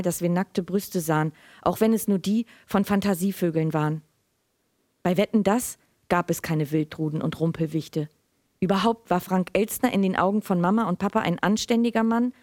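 A middle-aged woman giving a measured literary reading, then answering questions in a loose, chatty way. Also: lowish voice, darkish tone, dry recording, studio quality.

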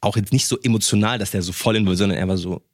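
A young man co-hosting a podcast, telling a personal story in casual chat with slang and quick restarts. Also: lowish voice, fairly even intonation, no room sound, clean studio sound. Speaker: podcast co-host.

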